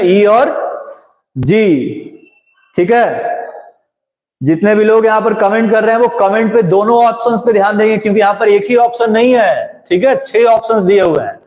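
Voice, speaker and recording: A man's voice: sits high, darkish tone. A male teacher going through exam questions, asking questions and answering them himself, and urging viewers to comment. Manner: asks and answers his own questions. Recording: echoey room with long reverb.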